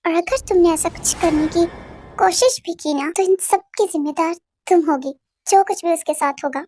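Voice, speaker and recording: A woman's voice: extremely high pitch, moderate pace, dark tone, slight background noise. A woman voicing an obsessive, vengeful young man who makes gloating, cold threats in a fan audio drama. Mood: menacing.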